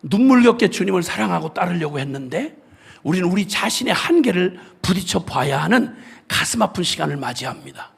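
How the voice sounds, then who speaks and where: A male missionary preacher giving an impassioned sermon at a revival meeting, often shouting, with a gravelly, husky voice. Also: sits high, sing-song, a little fast.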